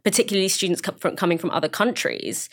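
Woman educator, panel guest, low-pitched, thoughtful, measured. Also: big pitch swings. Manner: thoughtful, measured, many fillers. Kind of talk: casual panel discussion.

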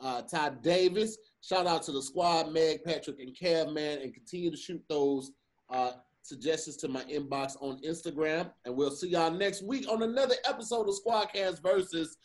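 A man's voice: on the high side, normal speed. An American man hosting a podcast in a casual, bantering group-chat style. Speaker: podcast host.

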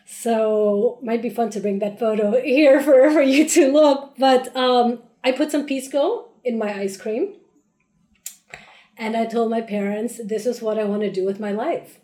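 A Peruvian woman who founded a spirits brand chats animatedly and playfully as a guest in a casual interview, using plenty of fillers. Her voice is a little high and unhurried, heard in an echoey room.

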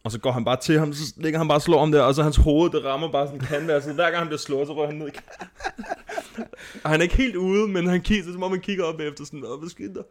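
A man hosting a podcast, chatting casually and telling stories in a rambling, animated way. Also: fairly high pitch. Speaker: podcast host. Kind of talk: casual chat about fighting.

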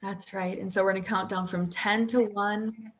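A woman guiding a hypnosis session as a hypnotherapist, speaking softly and soothingly in repetitive phrases. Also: medium pitch, level tone, moderate pace.

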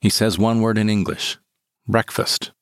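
A man reading a first-person story in a calm, measured way. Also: low-pitched. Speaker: narrator. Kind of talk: scripted first-person narration. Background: guitar music.

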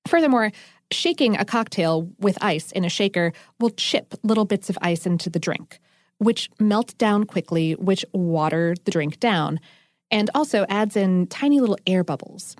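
A woman's voice: mid-range voice, animated, normal speed, dry recording. This is a woman co-hosting a food podcast, chatty and enthusiastic, wandering into asides as she explains. Her voice sits mid-range and is recorded dry and close. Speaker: podcast co-host. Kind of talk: casual chat explaining food science.

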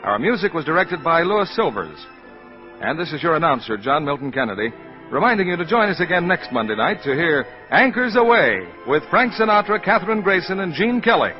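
A man announcing the credits of an old radio show in a formal, measured 1940s broadcast style. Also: a little high, big pitch swings. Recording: muffled old radio broadcast with music behind.

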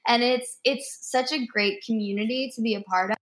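A woman in her twenties, a guest actress on a remote interview, telling animated stories and acting out the people in them. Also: fairly high pitch, moderate pace. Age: 20s. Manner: animated storyteller, acts out quoted dialogue.

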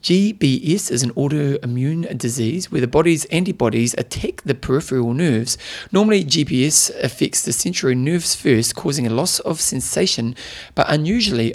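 A man speaks with a broad New Zealand accent at a middling pitch. He hosts a casual sports podcast and talks in a colloquial, matey way, sprinkling in local slang. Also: darkish tone. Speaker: podcast host. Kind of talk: casual co-hosted sports chat.

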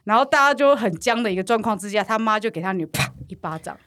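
Young Taiwanese woman, podcast co-host, quick and lively storyteller. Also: mid-range voice. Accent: Taiwanese Mandarin. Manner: lively, dramatic retelling. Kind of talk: animated storytelling.

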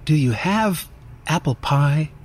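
A man voicing a calm, playful young boy who answers softly in few words. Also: fairly high pitch, takes it slowly, slightly rough, heavily acted. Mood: quiet. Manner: soft-spoken, brief answers.

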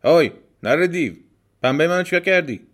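A man voicing a spoiled, rude young girl from a folk tale, shrill and scornful. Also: animated, fairly bright tone. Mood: shouting.

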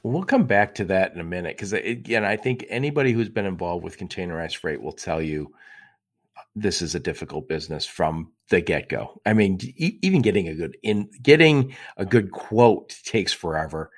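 A man's voice: low voice, expressive, normal speed. A male podcast host asking direct, curious questions in a conversational way. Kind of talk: interview questions.

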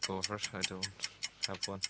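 A man chatting casually and quietly as a quiz contestant. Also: deep voice, completely flat delivery, brisk. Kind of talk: casual chat. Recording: loud background noise, quiet voice.

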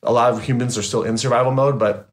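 A man, a trauma therapist and guest, talking in a casual, animated and emphatic way, swearing freely. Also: mid-range voice, fast. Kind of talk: casual interview chat.

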